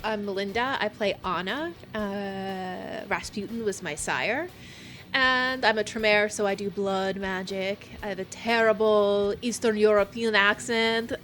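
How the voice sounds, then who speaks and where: A woman's voice: mid-range voice, fairly even intonation, unhurried, a bit bright. A woman introducing herself as a player in a tabletop game, upbeat.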